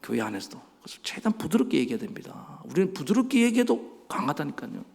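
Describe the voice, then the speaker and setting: A man's voice: on the high side, very animated, fast, creaky, darkish tone. A middle-aged man, a pastor, preaching a sermon and putting rhetorical questions to his congregation in a church sanctuary. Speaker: senior pastor. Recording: long reverb of a church hall.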